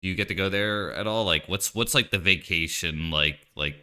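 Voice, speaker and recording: A man's voice: low-pitched, moderate pace, bright, forceful tone, clean tone. A man from the United States co-hosting a game stream, chatting in a laid-back way with many fillers. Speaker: streamer co-host. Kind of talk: casual chat while gaming.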